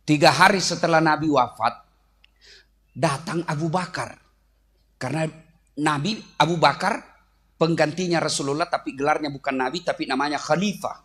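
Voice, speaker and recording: A man's voice: fairly high pitch, normal speed, long pauses, a bit bright. A man with a Makassar accent preaching a humorous sermon, joking and addressing the audience directly. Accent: Makassar Indonesian.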